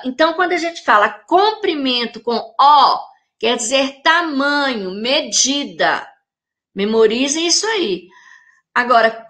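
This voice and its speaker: Speaking with a Brazilian Portuguese accent, this woman teaches children grammar in a recorded lesson, taking her explanations slow and careful. Her pitch sits high and her tone is fairly bright.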